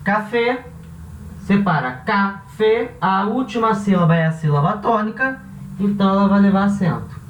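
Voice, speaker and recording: Teaching Spanish at a board, this animated, high-voiced Brazilian man goes slowly, breaking words into syllables and repeating his examples. He has a Brazilian Portuguese accent and sits far from the mic, so the room echoes over a faint hum.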